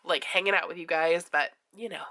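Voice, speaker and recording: Chatty woman vlogger, bright tone, stuffed-up nasal cold voice, rambling and friendly. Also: on the low side, fairly even intonation, fairly quick. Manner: rambling, says 'like' a lot, laughs easily. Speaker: planner and budgeting vlogger. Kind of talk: casual chatty vlog.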